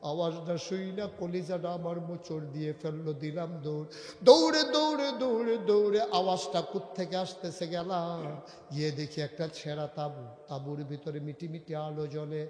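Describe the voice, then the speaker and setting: A man preaching an Islamic sermon, telling a story with passion and swinging from quiet telling to drawn-out high shouts. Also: level tone. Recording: booming echo of a long hall.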